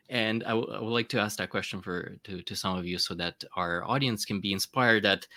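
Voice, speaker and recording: A man with a very low voice and a bright, forceful tone hosts a panel over a video call. The sound is dry and close. He encourages his guests and laughs often, and he restarts his sentences as he goes. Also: dry recording. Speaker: show host. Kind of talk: hosting a panel discussion.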